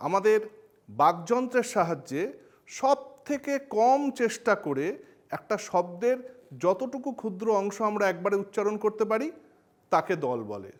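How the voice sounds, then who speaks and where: High-voiced man teaching a grammar lesson. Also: big pitch swings, moderate pace. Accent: Bengali. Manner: playful, addresses students directly with questions. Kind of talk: educational explainer lesson.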